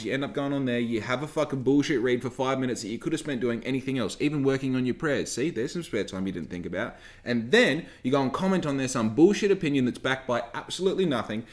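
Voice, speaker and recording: A young man with an Australian accent rants through a casual solo podcast, swearing often and turning sarcastic. His voice sits a little on the high side. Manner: profane, ranting, sarcastic. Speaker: podcast host.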